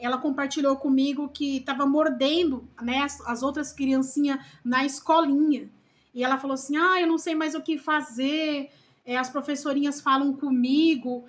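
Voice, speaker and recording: A Brazilian woman with a high voice chats to camera as a first-time mother vlogging about parenting. She talks slowly and earnestly and asks her viewers a lot of rhetorical questions. She softens her words with little diminutives. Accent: Brazilian Portuguese. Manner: calls herself loud-spoken. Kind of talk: casual talk to camera.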